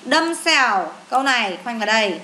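A woman teacher, taking a class through an English lesson in a classroom and briskly quizzing students with quick questions and rhyming memory phrases. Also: a little high, sing-song, sharp tone, a little hiss or hum.

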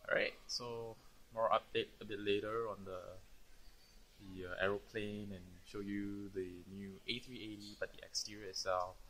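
A man's voice: lowish voice, level tone, moderate pace, sharp tone, a little hiss or hum, rough recording. A man in his thirties, a travel vlogger talking casually to his laptop camera in an airport lounge, chatty, with fillers and restarts. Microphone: laptop webcam.

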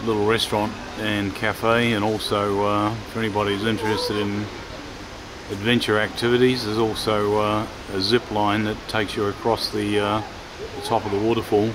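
Walking through an outdoor park at a forest waterfall, a travel vlogger narrates in a lowish, fairly monotone voice. He sounds matter-of-fact and unhurried, filling pauses with "uh", while noticeable outdoor ambience runs beneath his speech.

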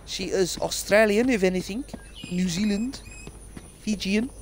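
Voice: medium pitch, measured pace, a little hiss or hum. A game streamer with a British accent, chatting casually and swearing freely while playing. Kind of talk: casual live-stream commentary. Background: game music.

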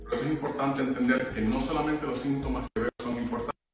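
Man, host, scripted narration, steady, very echoey, clear background music. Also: mid-range voice, quick pace. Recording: roomy, distant, music underneath.

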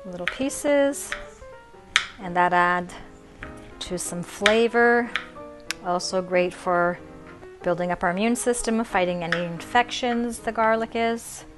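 A woman's voice: mid-range voice, slow pace, long pauses, music in the background. A middle-aged woman hosting a cooking show in her home kitchen, explaining each step in a friendly way with a few fillers. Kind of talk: cooking demonstration.

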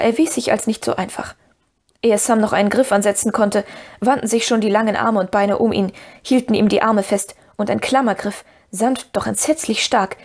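Husky female audiobook narrator. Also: mid-range voice, a little mellow.

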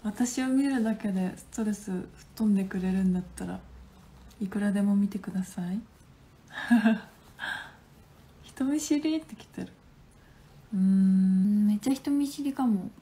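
A woman in her twenties with a Hakata accent, chatting casually on a phone livestream at home, playful and quick to laugh. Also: mid-range voice, dark tone. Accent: Hakata dialect. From Fukuoka, Japan. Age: 20s. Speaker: livestream host. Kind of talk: casual livestream chat reading viewer comments.

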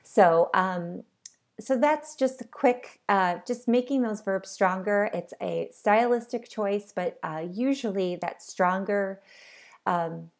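A woman's voice: medium pitch, slow. A woman giving a recorded online lecture as a college English instructor, explaining in an unscripted way with many ums and uhs.

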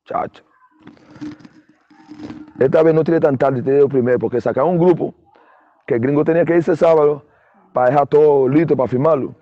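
A man's voice: on the high side, a little fast, long pauses, no room sound. A middle-aged Dominican man, a former ballplayer, telling his story in a casual interview and acting out other people's lines. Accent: Dominican Spanish. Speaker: interview guest, former baseball player. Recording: dull, muffled dry sound.

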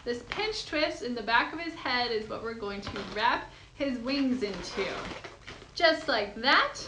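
In an echoey, noisy room, a young woman gives a step-by-step balloon-twisting tutorial at a measured pace. Her high voice is animated, and she giggles and bubbles over, raving about how cute every piece turns out.

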